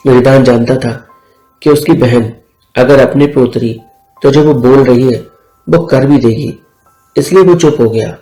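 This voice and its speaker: A man reading a scripted story aloud in a plain, steady way. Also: medium pitch, measured pace, pauses often. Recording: echoey room with faint music.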